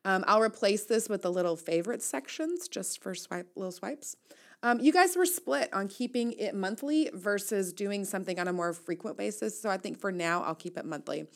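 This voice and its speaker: A woman hosts an audio newsletter, reading her casual commentary with wry, conversational playfulness. Her mid-range voice is animated and has vocal fry, and she speaks at a normal speed.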